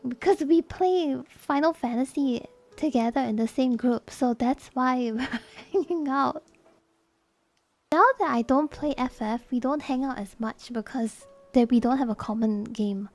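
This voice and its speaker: A woman's voice: sits high, a little slow, a little mellow, soft background music. A young adult woman streamer chatting casually and candidly with her viewers, laughing often and swearing freely.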